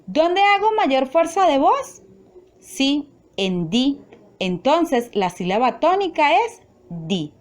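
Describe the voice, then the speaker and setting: A woman teacher giving a recorded grammar lesson, speaking slowly and carefully, breaking words into syllables. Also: high voice, sing-song. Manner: slow, careful, spelling out syllables.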